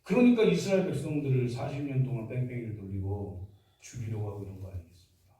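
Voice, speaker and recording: Korean pastor preaching in a booming hall. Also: male voice, expressive, quick pace, dark tone. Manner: emphatic, asks the congregation rhetorical questions. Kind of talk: sermon. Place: church sanctuary. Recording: echoey hall from far off.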